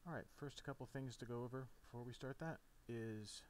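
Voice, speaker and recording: In brisk, medium-pitched narration, a man guides viewers casually through a flight simulator one step at a time. Game sound is muted, and a steady background noise comes through clearly.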